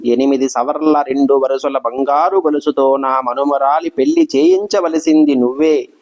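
A man's voice: medium pitch, sing-song, normal speed, a little mellow. Man voicing tearful devout old grandmother. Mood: tearful pleading. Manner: pleading, emotional. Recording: dull lo-fi recording.

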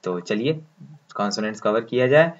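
A man's voice: on the low side, expressive, normal speed, dull audio. A man giving a phonetics lesson, patiently explaining each word step by step and asking the listener to repeat after him. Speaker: English pronunciation teacher. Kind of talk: phonetics lesson with transcription drills.

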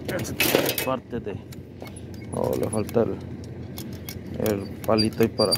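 A man's voice: on the low side, fairly even intonation, measured pace, creaky. A man, casually narrating to his viewers as he picks through curbside trash outdoors on a body-worn camera. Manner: chatty, keeps addressing viewers as "mi gente". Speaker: vlogger. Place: outdoors on a residential street. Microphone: chest-mounted action camera. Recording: loud outdoor street noise.

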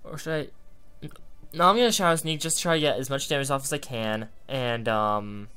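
Smooth-voiced man hiccuping through game commentary. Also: medium pitch, normal speed, bright, forceful tone, faint music behind. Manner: thinks aloud, rambling. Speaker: gaming YouTuber. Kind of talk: live battle commentary.

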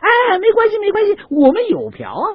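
A man's voice: very high-pitched, huge pitch swings, fairly quick, gravelly, dry recording, pitched above the performer's own voice, full character voice. Man doing sly coaxing date traders. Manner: coaxing, wheedling. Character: sly friendly male date traders, a group. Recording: dull dry lo-fi recording.

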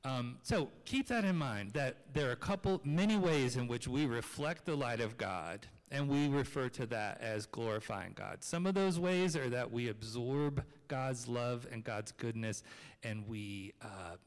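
A man's voice: mid-range voice, lively intonation, measured pace. A man in his thirties sits on the chancel steps of a large church and talks casually to children, asking them questions as he goes. His voice carries a long reverb from the sanctuary. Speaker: children's message leader. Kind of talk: children's sermon. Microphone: handheld microphone.

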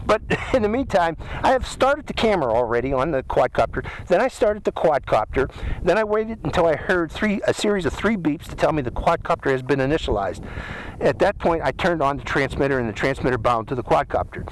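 A drone reviewer and channel host, middle-aged with a Pittsburgh accent, speaks a little high with big pitch swings and a fairly quick pace. He gives a chatty, step-by-step, hands-on product review in a windy desert canyon. The rough, noisy audio comes from a hat camera he's wearing.

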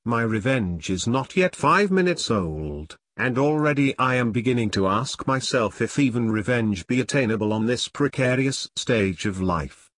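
A man's voice: mid-range voice, animated, moderate pace, hardly any pauses, a bit bright, dry recording. A man reading the lines of a proud, brooding royal prince in a grave, formal manner in an audiobook. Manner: grave, formal old-fashioned speech.

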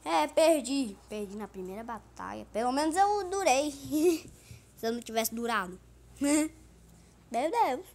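A young woman with a Brazilian accent talks over her own game as she plays. Her voice sits high, and she loops words over and over in a sing-song, joking way. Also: animated, slow pace, darkish tone. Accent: Brazilian Portuguese. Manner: playful, sing-song repeating of words, laughing. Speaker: gaming youtuber. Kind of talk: casual gameplay commentary.

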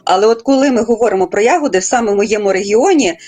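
A woman from Volyn, a guest linguist in a radio interview, explaining in a measured, lecturing way and carefully quoting dialect words. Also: mid-range voice, darkish tone. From Volyn, Ukraine.

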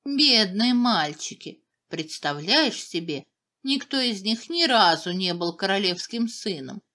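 A woman's voice: mid-range voice, sing-song, measured pace, pushed and bright. A woman voicing a cunning adult male court advisor who wheedles, giggles and whines for sympathy. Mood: wheedling. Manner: wheedling, giggling, hoarse when angry. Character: sly scheming male royal advisor, adult.

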